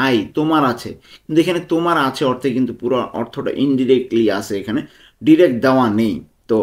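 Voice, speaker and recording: A man with a Bangladeshi accent teaching a language lesson, repeating example phrases slowly and deliberately. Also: on the high side. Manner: slow, deliberate spelling-out of foreign phrases, rising on the examples.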